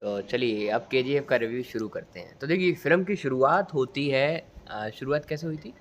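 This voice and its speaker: A young man's medium-pitched voice comes through at normal speed, with the highs cut off, as he gives a comic, casual movie review in a mock-formal storytelling manner. He's a vlogger and amateur film reviewer recording on his phone outside a railway station at night, amid noisy outdoor ambience.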